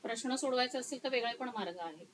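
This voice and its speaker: A woman counselor talking through her career in an interview, slow and thoughtful with many pauses. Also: a little high, background noise.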